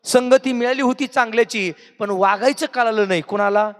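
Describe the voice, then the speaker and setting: Preacher, high and bright, call-and-response, hall reverb. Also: male voice, normal speed. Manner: questioning the audience, singsong. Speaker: kirtan preacher. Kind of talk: devotional sermon with call-and-response.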